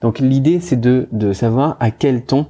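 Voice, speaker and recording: Informal French-speaking male teacher, husky. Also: medium pitch, unhurried, dark tone. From France. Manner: informal, repeats himself, many fillers and restarts. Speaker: Chinese language teacher. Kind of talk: casual spoken course pitch.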